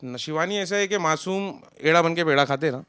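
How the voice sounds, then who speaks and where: A young man talks casually as an interview guest, running one thought into the next. His voice is smooth and slightly high. It sounds close and dry, with no room around it. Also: fairly quick, no room sound. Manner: relaxed, talks in loose run-on sentences. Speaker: interview guest, friend of a contestant.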